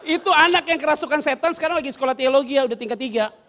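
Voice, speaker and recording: A man's voice: very high voice, rapid-fire. A male pastor preaching a sermon, telling stories with acted-out scenes, using casual slang and quizzing his congregation. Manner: animated storyteller who acts out scenes and quizzes the congregation.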